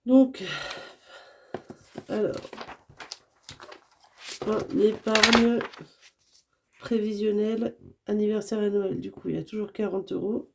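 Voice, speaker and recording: A woman who is sick with a hoarse voice, chatting casually to camera as a budget vlogger, hesitant and often correcting herself. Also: medium pitch, fairly even intonation, takes it slowly, pauses often, background noise. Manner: hesitant, many fillers and self-corrections.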